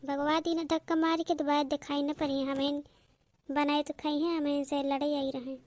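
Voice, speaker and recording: A woman's voice: sits high, little pitch movement, moderate pace, a little mellow, no echo, close to an everyday voice. A woman voicing a bossy Awadhi young wife. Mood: gloating. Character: arrogant scheming young wife, younger daughter-in-law.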